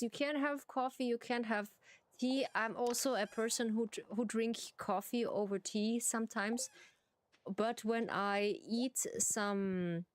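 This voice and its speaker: Playing a farming game, this German-accented woman teases and chats with viewers in halting, basic English, her pitch fairly high.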